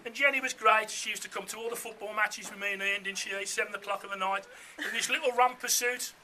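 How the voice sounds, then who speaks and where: High, bright-voiced man speechmaking. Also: fairly even intonation, fast, slight background noise. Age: middle-aged. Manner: jokey, anecdotal, conversational. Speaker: father of the bride giving a speech. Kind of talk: informal wedding speech with comic anecdotes. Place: room full of wedding guests.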